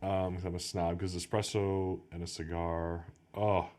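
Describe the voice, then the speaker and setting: This is an American man with a very deep, low voice, chatting casually on his podcast. He rambles from one story to the next, filling his talk with "like" and "you know". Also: level tone, unhurried, darkish tone. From United States. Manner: rambling storyteller, heavy use of "like". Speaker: podcast host. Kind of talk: casual chat.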